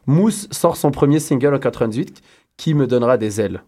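A man's voice: mid-range voice, animated, fairly quick, warm tone. A man from France hosting a casual radio chat, playful and wisecracking as he reads from his notes. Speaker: radio show host.

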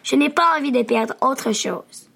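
A woman's voice: high voice, measured pace, vocal fry, fairly bright tone, heavily acted. A woman voicing a busy mother in a children's story, with a raised, exclaiming voice. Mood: distracted. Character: busy mother, distracted then delighted.

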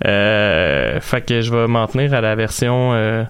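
A man's voice: lowish voice, expressive, a little slow, clear, resonant tone. A man with a Quebec French accent, casually hosting a gaming talk show. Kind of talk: casual chat, loosely hosting.

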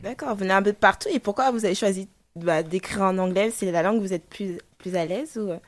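Woman interviewer, brisk questions. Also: medium pitch, no echo.

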